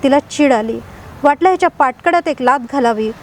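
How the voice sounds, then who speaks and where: A woman storyteller giving a measured, expressive dramatic narration. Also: high-pitched, a little hiss or hum.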